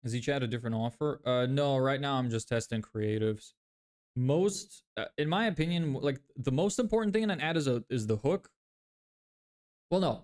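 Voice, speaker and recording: On a livestream, a Lithuanian man in his twenties who is building a business talks through his plans and reads out viewer questions as they arrive. His smooth, clear, middle-pitched voice is expressive and a little mellow, at a normal speed. He thinks aloud, uses lots of fillers, and often corrects himself mid-sentence.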